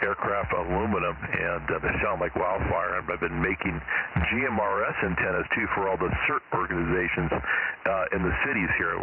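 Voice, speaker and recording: A man's voice: lowish voice, husky. A man checking into an amateur radio net in a folksy, courteous way. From Tennessee. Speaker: ham radio net participant. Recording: tinny radio transmission with faint hiss.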